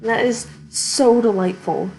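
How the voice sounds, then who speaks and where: A woman's voice: on the high side, slow, darkish tone, rough recording. Chatty woman streamer narrating a game. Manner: chatty, giggly, thinking aloud. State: hiccups. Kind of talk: casual let's-play commentary.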